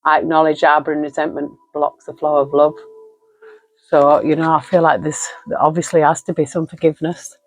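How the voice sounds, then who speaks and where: A woman's voice: low voice, little pitch movement, fairly quick, rough recording. A woman giving a spoken tarot card reading, reflective and emotional, listing card meanings aloud. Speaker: tarot reader.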